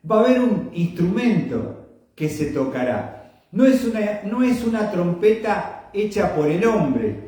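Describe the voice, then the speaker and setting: A man preaching a sermon slowly and emphatically, repeating his phrases and often clearing his throat. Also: sits high, very animated, warm tone. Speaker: pastor. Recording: echoey room from far off.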